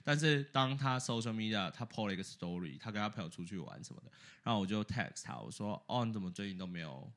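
Male co-host, casual story chat, very animated pitch, bright voice, laughs a lot, mixes in English. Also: fast. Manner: animated, laughs often, slips English words into his talk. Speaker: podcast co-host.

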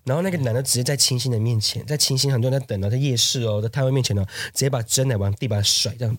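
A man tells a story on a relaxed podcast, acting out the other people's lines as he goes. His voice sits at an ordinary pitch. It is recorded close and dry, with no room sound. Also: rapid-fire, no room sound. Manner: animated storyteller who acts out quoted voices. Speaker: podcast co-host. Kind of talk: casual chat.

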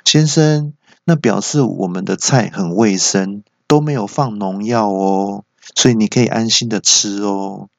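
A man voicing a quick-witted, cheeky young female waitress who speaks in a high, sweet, polite way. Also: creaky, dry recording. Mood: cheery.

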